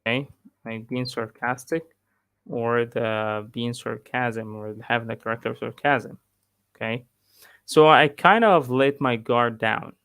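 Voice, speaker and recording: A man with an Egyptian accent, an English teacher reading a book aloud and pausing to explain words. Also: medium pitch, steady tone, a bit bright, clear, resonant tone, dry recording. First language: Arabic. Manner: slow, pausing to explain vocabulary.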